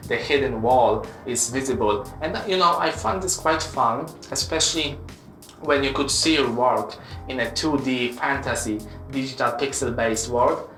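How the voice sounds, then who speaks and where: A man in his late twenties from Poland, speaking English with a Polish accent as he earnestly tells his own story on his channel, pausing on frequent "uh" fillers. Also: medium pitch, pushed and bright. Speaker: web developer and channel host. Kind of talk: personal story vlog. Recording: roomy echo from a distance with music.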